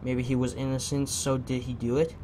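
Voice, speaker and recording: A man's voice: medium pitch, little pitch movement, a little fast, background noise. A young man commenting on gameplay in a crude, mocking, profane way. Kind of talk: let's play commentary.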